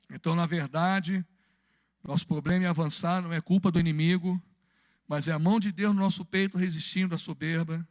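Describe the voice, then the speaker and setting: A man's voice: sits high, no echo, studio quality. A Brazilian man preaching a Sunday evening sermon in a church, moving between fervent exhortation and humorous personal stories. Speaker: pastor.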